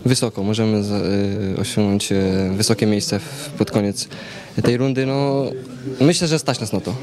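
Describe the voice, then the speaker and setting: A young man in his twenties, a football player giving a halting post-match interview full of fillers and repeats, into reporters' handheld mics. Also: fairly low pitch. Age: 20s. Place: noisy hallway by sponsor backdrop after a match. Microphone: several reporters' handheld mics held close. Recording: loud crowd noise behind. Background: loud crowd chatter.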